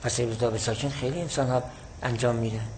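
A man teaching a class, explaining a classical text in a measured way and repeating his key points. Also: medium pitch, fairly even intonation, darkish tone, a little hiss or hum, rough recording.

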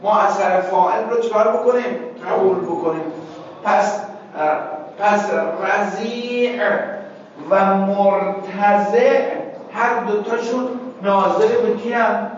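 A man's voice: sits high, steady tone, a little hiss or hum. A male teacher giving a classroom lecture. He explains word meanings step by step, checks understanding with questions, and prompts the students to finish his sentences. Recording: echoey distant dull lo-fi classroom recording.

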